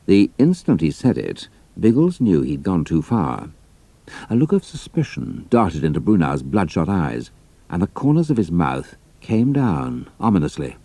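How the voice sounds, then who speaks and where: Deep, mellow male story narrator. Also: huge pitch swings, unhurried, no room sound. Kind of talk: scripted dramatic story narration.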